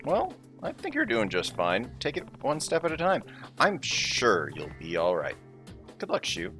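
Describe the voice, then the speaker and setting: A man voicing a calm adult male detective, reading game dialogue aloud in a steady way. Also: mid-range voice, measured pace, soft background music, pitched above the performer's own voice, full character voice. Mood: reassuring.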